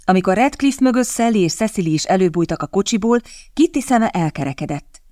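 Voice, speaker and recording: A woman narrating a novel as an audiobook, in a measured, expressive reading. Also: mid-range voice, no room sound, clean studio sound.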